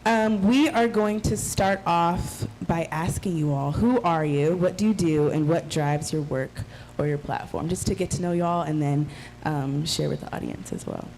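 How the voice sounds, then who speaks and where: A woman's voice: low-pitched, moderate pace, darkish tone. A young woman moderating a panel, upbeat and friendly. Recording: noisy event recording.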